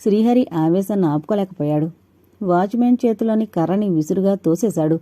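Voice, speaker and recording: A woman reading a novel aloud in steady scripted narration. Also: medium pitch, brisk, no room sound. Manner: steady storytelling. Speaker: audiobook narrator.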